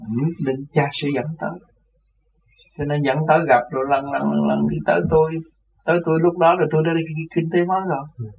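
A man's voice: on the high side, fairly even intonation, fairly quick, creaky. A man, a religious teacher recounting his life in a rambling way and repeating words. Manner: rambling, repeats words, acts out others' voices. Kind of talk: casual spoken recollection. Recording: distant, dull mic with faint noise.

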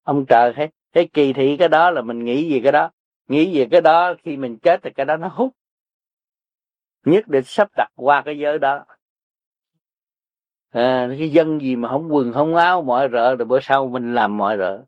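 An older man with a Southern Vietnamese accent gives folksy Buddhist teaching to listeners, blunt, repetitive and earthy. His mid-range voice moves at a moderate pace, with no echo, on a dry, dull lo-fi recording.

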